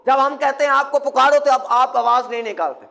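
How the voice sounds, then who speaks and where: A man preaching with a very high-pitched voice, the pastor leading his flock through a sermon. He fires questions at the congregation and has them call the answers back, sometimes rising to a shout. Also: steady tone, vocal fry. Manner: call-and-response, quizzing the congregation; bursts into shouting.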